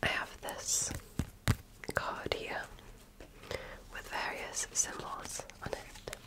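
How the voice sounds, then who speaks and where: A woman whispers breathily, gentle, deliberate and patient, playing a medical examiner in an ASMR roleplay. It is soft-spoken personal attention content.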